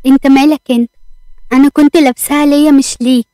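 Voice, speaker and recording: Woman doing young wife, Egyptian accent, scolding, flustered, high voice, dry close sound. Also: steady tone, quick pace, mellow, dry recording, lightly acted. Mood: indignant. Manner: indignant, scolding.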